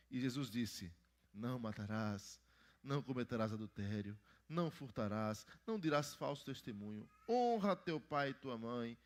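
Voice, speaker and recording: A man, the pastor, teaching a Bible lesson in church and putting questions to the children. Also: mid-range voice. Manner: asks the children questions and prompts answers. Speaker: pastor teaching Sunday school.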